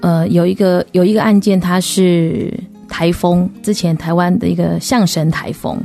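A woman's voice: on the low side, fairly even intonation, gravelly, warm tone, soft background music. Earnest woman funeral director. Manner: earnest, emotional, halting with fillers. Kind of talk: personal storytelling in a radio interview.

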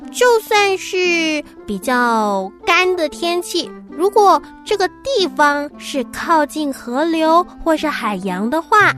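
A woman presents a children's radio programme, speaking in an animated way as if reading to a toddler. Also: high voice.

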